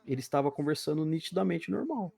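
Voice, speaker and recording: Guest spot: man, higher voice, mellow tone, earnest storytelling with acted-out quotes. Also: expressive, fast talker, gravelly, husky. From Brazil. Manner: earnest, vivid, acts out dialogue. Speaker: podcast guest. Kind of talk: personal testimony storytelling.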